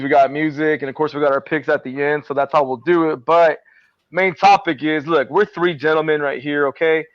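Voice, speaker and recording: A man's voice: on the high side, dry recording, dull audio. Laid-back, profane man hosting a podcast. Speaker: podcast host. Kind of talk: casual podcast chat.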